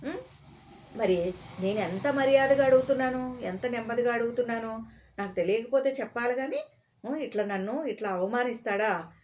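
A woman telling a comic story in a casual, chatty way, pausing to explain old words. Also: a little high, darkish tone, a little hiss or hum.

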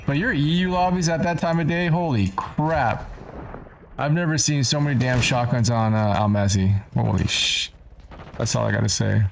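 A man's voice: medium pitch, fairly even intonation, normal speed, creaky, a little hiss or hum. A man streaming a shooter game, chatting casually with his squad and joking with a laugh. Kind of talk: casual gaming chat.

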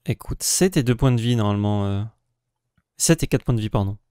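A man co-hosting casual gameplay commentary, thinking aloud and counting out his plays in a relaxed way. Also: fairly low pitch, fairly quick, smooth, no echo, studio quality. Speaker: co-host playing the game.

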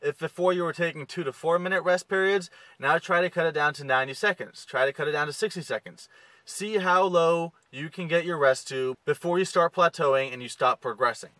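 A young man in his twenties talks straight to the camera from the driver's seat of a car, laying out gym steps in a steady, instructive way. His voice is bright and forceful, a little higher than most men's, and sounds close and dry. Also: a little fast, no echo, rough recording. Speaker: fitness coach. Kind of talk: direct-to-camera fitness tips. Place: inside a parked car. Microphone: camera close to the face.

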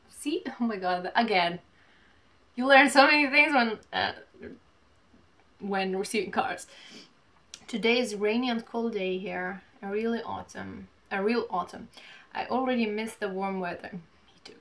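A woman in her twenties chatting casually while opening mail at home, gushing and reading letters aloud haltingly. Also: mid-range voice, fairly bright tone. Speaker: vlogger. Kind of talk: casual unboxing chat. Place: small home room, indoors.

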